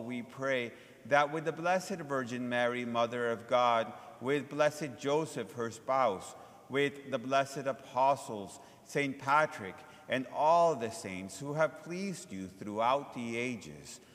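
A man speaking as a priest, reciting solemn liturgical prayers in a measured, reverent way with a long cathedral-like echo. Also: medium pitch, fairly bright tone. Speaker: priest celebrating Mass. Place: large reverberant church during Mass. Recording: long echo of a large church.

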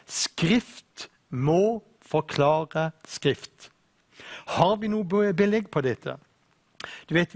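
A man preaching a sermon, earnestly quoting scripture with slow, weighty emphasis. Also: a little high.

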